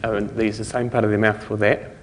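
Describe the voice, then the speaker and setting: Aussie guy explaining stuff at a conference, kinda low voice, echoey hall. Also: flat delivery, fast talker, slight background noise. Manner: conversational, explaining step by step with slides. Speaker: conference speaker. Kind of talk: conference talk.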